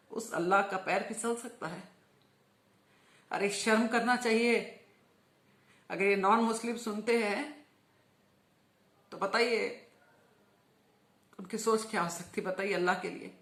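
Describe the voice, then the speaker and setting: A woman speaks in an impassioned appeal, driving her points home by repeating words. Her voice sits at a middle pitch. The recording carries a roomy echo. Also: a bit bright. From Hyderabad, India. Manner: fervent, emphatic, repeats words for emphasis. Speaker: religious speaker.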